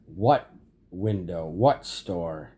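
A man's voice: deep voice, expressive, drawn-out words, dark tone, slight background noise, exaggerated voice. A man reading a story aloud, voicing a stern, scolding elderly grandmother. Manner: scolding, indignant.

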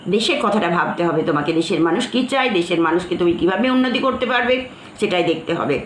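A woman's voice: lowish voice, expressive, fast. A woman, a teacher explaining a literature text to students. She reads a line, then explains it, often saying phrases twice. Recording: echoey room with faint noise.

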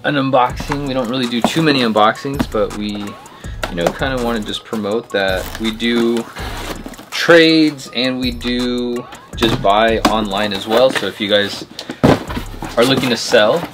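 A man's voice: mid-range voice, unhurried. A man who runs a sneaker shop, chatting casually to camera in a laid-back way with lots of fillers. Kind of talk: casual vlog talk to camera. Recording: loud music playing behind.

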